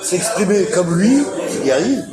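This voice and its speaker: A man's voice: sits high, very animated, moderate pace. A man in a casual French discussion, explaining step by step and agreeably echoing what others say. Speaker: debate participant. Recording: clear music behind the voice. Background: background music.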